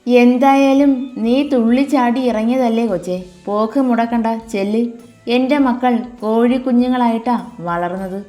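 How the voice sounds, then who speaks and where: A woman storyteller voicing a sharp-tongued old grandmother who speaks sarcastically. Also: fairly high pitch, normal speed, soft background music, natural voice. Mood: sarcastic. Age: older. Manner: sarcastic, mocking.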